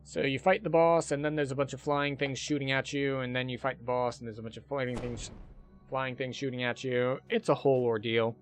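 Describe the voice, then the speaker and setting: A man's voice: mid-range voice, fairly even intonation, brisk. Man casually commentating over game music. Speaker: game streamer giving commentary.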